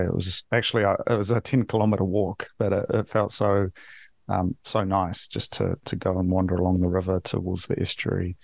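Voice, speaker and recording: Low gravelly man from New Zealand. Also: a little mellow, no echo. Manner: rambling, restarts a lot. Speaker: podcast host. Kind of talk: casual interview chat.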